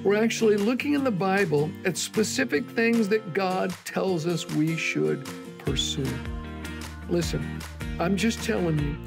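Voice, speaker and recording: An older man with a high, gravelly voice teaches from the Bible in an earnest, conversational way. He talks to the listener like a pastor telling a story and drops to a soft, low voice on key words.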